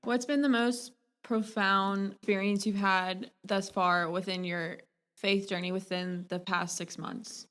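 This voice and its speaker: A woman's voice: medium pitch, little pitch movement, measured pace, fairly bright tone. A woman hosting a casual podcast interview, asking questions in a chatty way and sometimes losing her words. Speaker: podcast host.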